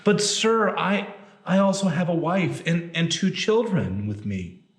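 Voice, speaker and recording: A humble poor man pleads with a stranger, put on by a man telling a joke. The voice is slow and deferential. It carries a roomy echo. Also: on the high side, animated, pitched above the performer's own voice. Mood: pleading.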